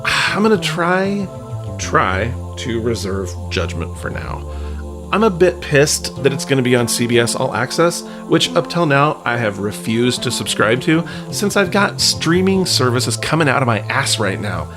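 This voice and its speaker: Over background music, a man's medium-pitched, sing-song voice comes a little slowly as he hosts a podcast. He keeps it informal, wry and self-deprecating, blending casual chat with news items he reads aloud.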